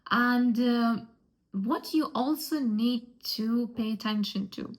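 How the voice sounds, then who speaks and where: A woman teaching a language lesson, patiently sounding out letters and repeating each word. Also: fairly high pitch. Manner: patient, spells out sounds slowly and repeats words. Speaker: Turkish teacher.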